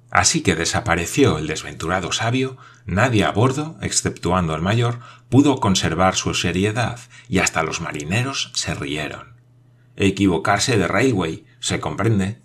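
Deep-voiced male audiobook narrator. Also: fairly bright tone, slightly rough. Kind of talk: audiobook reading of a classic novel.

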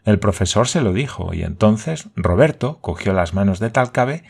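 A man reading a novel aloud as a narrator, in a steady, measured way. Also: on the low side, creaky, slightly rough. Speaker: audiobook narrator. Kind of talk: scripted narration.

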